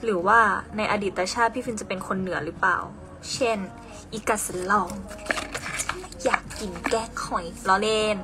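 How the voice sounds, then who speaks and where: A woman's voice: medium pitch, moderate pace, over music. A young woman chatting casually on a live stream, reading out viewer comments while packing orders, playful and talkative.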